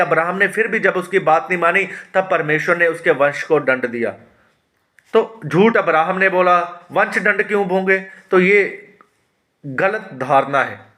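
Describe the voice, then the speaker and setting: A man's voice: sits high, pushed and bright. A pastor teaching a Bible study who reads verses aloud, then asks questions and answers them himself, often calling his listeners his dear ones.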